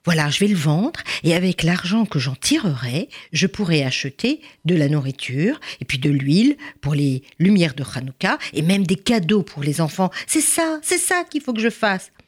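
A woman voicing a poor, eager father in a told story, with excited exclamations. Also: lowish voice, moderate pace, few pauses, breathy edge. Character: poor jobless father, hopeful then eager.

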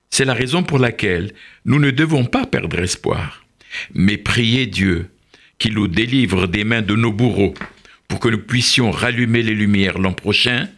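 A storyteller voicing a venerable older male rabbi who speaks slowly and solemnly to comfort his fellow prisoners in a storybook tale. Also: mid-range voice, creaky, fairly bright tone, voice pushed down, full character voice. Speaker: rabbi in a camp. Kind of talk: storybook read-aloud.

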